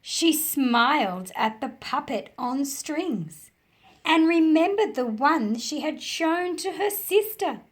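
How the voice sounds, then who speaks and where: This is an expressive children's storybook reading by a woman with a high-pitched voice. As a storyteller for young listeners, she keeps her delivery slow, deliberate and animated.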